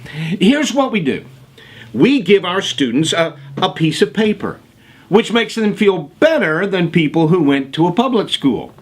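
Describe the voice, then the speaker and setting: A man playing a condescending, sarcastic university boss with a husky voice in a comedic screen drama. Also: high-pitched, very animated, measured pace, full character voice. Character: sardonic male university boss firing a professor. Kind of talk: dry comedic screen acting.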